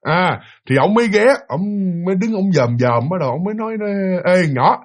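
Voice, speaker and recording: A man telling a ghost story in casual spoken style, animated and addressing his listeners directly. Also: sits high, fast talker.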